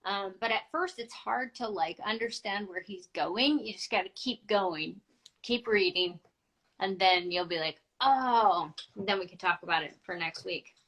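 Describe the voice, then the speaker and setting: A woman co-hosting a casual live show, chatty and quick to laugh. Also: mid-range voice, a bit bright, low-quality recording. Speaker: podcast co-host. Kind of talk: casual live-stream chat.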